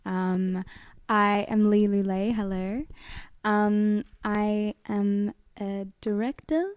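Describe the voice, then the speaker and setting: A woman's voice: mid-range voice, fairly even intonation, slow pace, a little mellow, clean tone, no echo. A woman chatting casually as a panellist on a livestream. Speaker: youth arts panellist. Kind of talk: casual chat.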